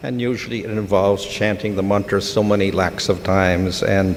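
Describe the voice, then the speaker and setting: A man lectures on scripture at a very unhurried pace, his low voice carrying a gravelly texture. He speaks in measured phrases with short pauses. The sound rings with long hall reverb over faint background noise. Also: steady tone. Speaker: spiritual teacher.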